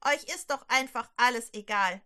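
A woman's voice: a little high, normal speed, sharp tone. A woman voicing a stern male prophet who scolds a king and commands the people, in a children's Bible story. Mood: rebuking.

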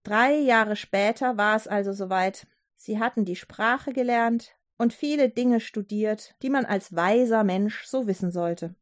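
A woman narrating a Bible story for children, lively, with chatty asides to the listener. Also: mid-range voice, a little slow, no room sound, clean studio sound.

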